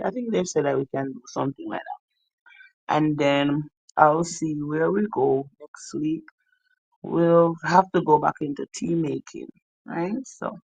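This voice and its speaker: A woman's voice: low-pitched, creaky, a little mellow, dry recording, highs cut off. A woman hosting a live stream in casual chat, teasing her viewers and laughing often. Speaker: livestream host.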